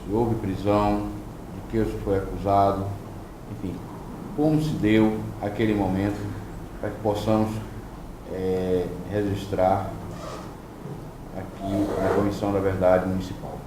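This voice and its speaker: A man's voice: sits low, little pitch movement, a little slow, pauses often. A man leading a formal interview as a commission member, courteous and addressing the guest with titles. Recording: roomy, distant mic with noisy background.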